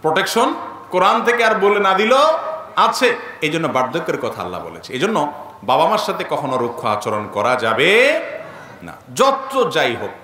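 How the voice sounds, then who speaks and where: A man's voice: a little high, sing-song, normal speed, echoey room, noisy background. A man preaching a sermon, earnest, often asking his listeners rhetorical questions. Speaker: Islamic preacher.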